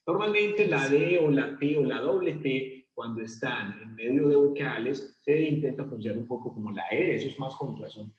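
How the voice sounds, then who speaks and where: An English grammar class for Spanish speakers is led by a man with a mid-range voice who questions his students and pronounces example words slowly and deliberately. Dull, lo-fi audio and room echo mark the recording.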